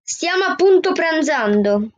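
A woman's voice: very high voice, expressive, unhurried, highs cut off, pitched above the performer's own voice. A woman voicing a guarded middle-aged housewife answering her door. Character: wary, round-faced middle-aged housewife.

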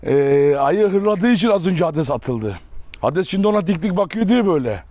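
A man's voice: high-pitched, expressive, moderate pace, darkish tone, dry recording. A young man talking casually to his viewers as a dog owner, chatty and direct, breaking off for short firm commands to his dogs outdoors. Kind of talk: casual talk to viewers while handling dogs.

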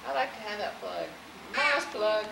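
A woman's voice: mid-range voice, lively intonation, normal speed, vocal fry, echoey room, noisy background. A woman coaxing and playfully questioning her toddler during a family home video, heard on old camcorder audio. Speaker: mother filming with her children.

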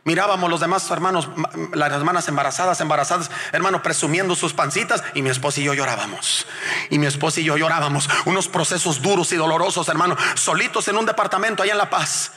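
A middle-aged man preaches a testimony sermon in a high, sharply bright voice, heard with a long hall reverb. He keeps calling his listeners "brother" and swings from hushed storytelling to shouted exhortation. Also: fast. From Mexico. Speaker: guest evangelist.

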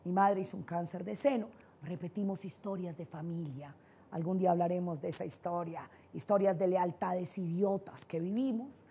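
A woman's voice: fairly low pitch, moderate pace, dark tone, a little hiss or hum. A middle-aged woman with a Colombian paisa accent, giving a motivational conference talk and telling personal stories in an emphatic, candid way. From Colombia (Antioquia). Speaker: neurolinguistic programming trainer, speaker.

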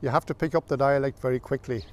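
An older man from the south of Ireland, a farmer recalling his family's history in a plain, unhurried way with small pauses. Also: medium pitch, fairly even intonation. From south of Ireland, County Meath. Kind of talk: oral history recollection.

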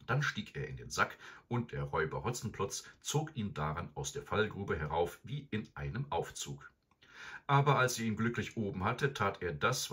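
A man reading a children's storybook aloud in an expressive, animated way. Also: low-pitched. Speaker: narrator.

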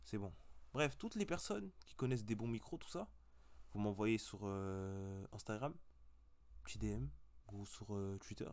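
A man's voice: lowish voice, expressive, moderate pace, darkish tone. A young man hosting a reaction video, chatting casually to his viewers in slang and swearing freely into a cheap webcam mic.

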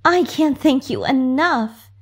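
A woman voicing a gentle, earnest young servant girl in a bedtime story. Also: high-pitched, expressive, slow pace, husky, pitched above the performer's own voice, exaggerated voice.

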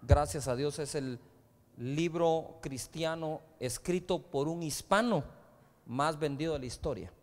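A man's voice: a little high, measured pace. A male pastor preaching a sermon, telling stories in a conversational way with frequent rhetorical asides. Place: large church hall. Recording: live church hall reverb.

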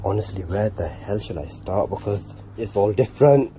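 A warehouse supervisor in his twenties rambles to the phone he holds at arm's length, muttering to himself and swearing under his breath as he works through the warehouse and outdoor yard. His lowish voice has a dark tone, lively intonation and normal speed. The casual work vlog audio is noisy, with traffic in the background.

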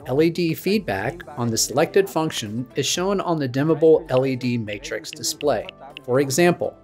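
A man's voice: medium pitch, darkish tone. A man in his thirties presenting a scripted product keynote with a polished, promotional delivery. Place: studio stage with dark backdrop.

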